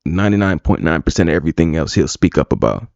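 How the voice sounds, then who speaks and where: A man's voice: rumbling low, fast, gravelly, darkish tone, dry recording. A man streaming live, talking casually, rambling and bluntly profane. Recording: dull lo-fi dry sound.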